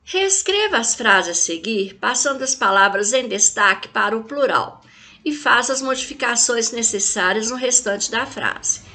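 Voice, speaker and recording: A woman from Brazil teaches a recorded lesson to young pupils, her voice pitched a little high and bright and forward. She keeps checking in with the children and stretches example words out slowly so they can follow. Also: animated.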